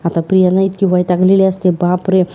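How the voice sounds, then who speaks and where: A woman's voice: lowish voice, completely flat delivery, fairly quick, warm tone. Chatty woman recapping a serial episode. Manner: chatty storytelling with asides to listeners.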